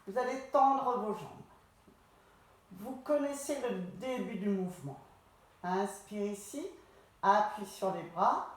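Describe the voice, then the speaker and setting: A woman leading a pilates class, calmly cueing each movement and breath step by step. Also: medium pitch. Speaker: pilates instructor. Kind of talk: guided exercise class instruction. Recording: echoey room.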